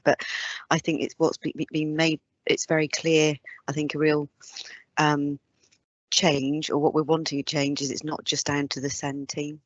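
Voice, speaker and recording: A woman's voice: sits low, no room sound. A woman co-presenting on a video call, speaking hesitantly and reflectively, with many fillers. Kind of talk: webinar discussion. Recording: dull, dry lo-fi call audio.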